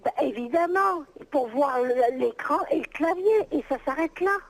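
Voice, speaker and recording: Expressive and speaking at normal speed, a high-voiced middle-aged woman answers an unscripted call as a private seller. Exasperated and insistent, she keeps repeating herself, and the telephone audio is noisy.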